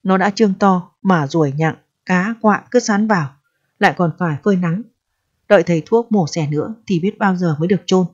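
A woman's voice: fairly low pitch, brisk, lightly acted. A woman voicing a stern, greedy male district mandarin who speaks in a cold, haughty way. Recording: dry, dull lo-fi recording.

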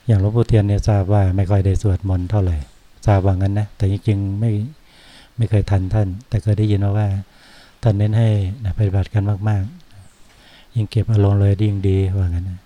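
An older male monk speaks slowly and reflectively, as if teaching a small gathering. His voice is low and very dark. His pitch stays level and even. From Thailand. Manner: unhurried, reflective, often ends phrases with a soft "na". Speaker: Buddhist monk giving a Dhamma talk. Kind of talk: informal Dhamma talk.

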